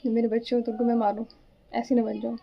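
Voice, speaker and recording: A woman's voice: fairly high pitch, flat delivery, fast talker, creaky, dull audio. A young woman chatting casually to her viewers in a vlog, confiding and talkative. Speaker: vlogger and home tuition teacher.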